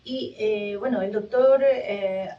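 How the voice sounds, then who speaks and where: A woman hosting a live radio interview from a studio, speaking hesitantly with many drawn-out fillers. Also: medium pitch, warm tone. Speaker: radio host. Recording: dull, distant radio recording.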